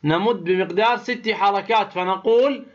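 A man teaching the rules of Quran recitation slowly and deliberately, asking questions and answering them himself, and stretching example words to show how long the vowels are held. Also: sits high, lo-fi sound. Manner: slow and deliberate, asks and answers his own questions. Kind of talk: tajweed lesson explaining a didactic poem.

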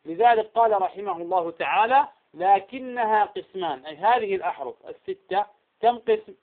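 A man's voice: sits high, fast talker. A man teaching Quran recitation rules, constantly asking quiz questions and answering them himself. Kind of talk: tajweed lesson. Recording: tinny phone-like line.

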